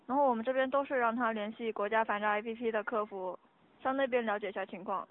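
A woman working as a hotline operator, answering in a flat, procedural way and telling the caller to calm down. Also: a little high, fast, a little hiss or hum. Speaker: anti-fraud hotline operator. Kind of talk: phone call with a complainant. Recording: tinny phone line.

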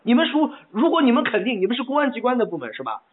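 A man's voice: extremely high pitch, huge pitch swings, racing. A man on a phone call, arguing angrily and stammering as he repeats his points over and over. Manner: angry, stammering, repeats himself insistently. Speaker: caller complaining by phone. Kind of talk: heated phone argument. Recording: tinny phone line.

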